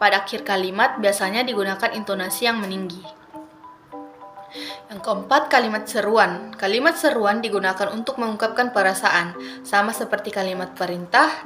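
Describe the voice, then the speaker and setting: A young woman, a university student, reading her assignment aloud as a steady, methodical class presentation, working through definitions and numbered lists. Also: medium pitch. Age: young adult.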